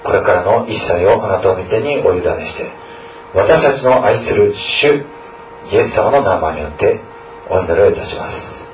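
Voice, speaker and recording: Faint music plays behind this man, whose voice is on the low side and expressive, at a normal speed. A school chaplain, he reads scripture, prays and gives a sermon to students with earnestness, often ending lines with a questioning tag. The room is echoey and the mic distant.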